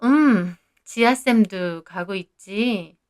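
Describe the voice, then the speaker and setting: 여자가 연기하는 머뭇거리는 여자 동료. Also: female voice, medium pitch, darkish tone, lightly acted. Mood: cautious. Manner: slow, cautious, hesitant. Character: hesitant woman colleague in her thirties.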